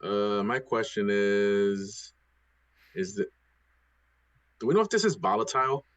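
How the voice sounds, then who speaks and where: A man's voice: fairly low pitch, big pitch swings, a little slow, fairly bright tone, no echo. A man playing a tabletop game, speaking hesitantly and trailing off, with many fillers. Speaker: player. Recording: dry, dull lo-fi mic.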